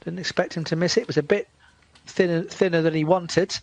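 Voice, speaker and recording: A man giving live snooker commentary as a commentator, in measured short phrases with pauses. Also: on the high side, fairly even intonation, vocal fry, darkish tone, dry recording.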